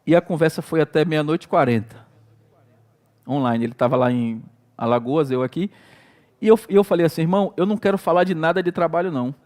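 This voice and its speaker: Man, Brazilian Portuguese accent, pastor, high-pitched voice, animated storytelling sermon. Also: quick pace. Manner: animated, conversational, acts out his own prayers and outbursts.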